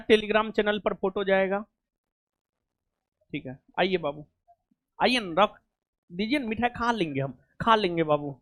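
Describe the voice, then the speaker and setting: Man, Bihari Hindi accent, high pitch, dry close sound, fond teasing teacher type. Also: fairly bright tone, no echo. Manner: affectionate, joking, fussy. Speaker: coaching teacher. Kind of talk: casual chat while honoring students.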